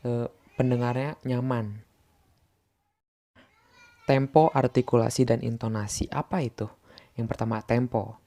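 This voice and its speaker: Flat-voiced young man teaching a lesson. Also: medium pitch. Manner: reads points from notes with filler pauses. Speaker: presenter explaining a literature lesson. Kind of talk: scripted lesson explanation.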